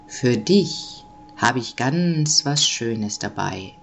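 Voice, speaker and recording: A woman voicing a big, friendly old Nikolaus, speaking slowly and low. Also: expressive, creaky, a little hiss or hum, heavily acted. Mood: kindly. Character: deep-voiced kindly old Nikolaus, a big man.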